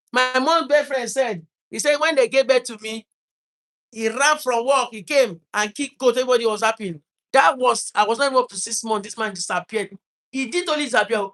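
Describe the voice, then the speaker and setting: A man with a Nigerian accent tells a painful personal story in an earnest, halting way. He often repeats and restarts his words while trying to hold back tears. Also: very high voice, sharp tone. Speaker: vlogger telling a personal story.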